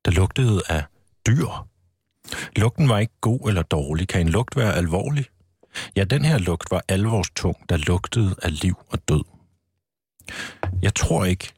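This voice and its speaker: A man, the author, reading a passage from his own book aloud in a studio in a calm, measured way. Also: sits low, slightly rough, no room sound. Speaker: author guest.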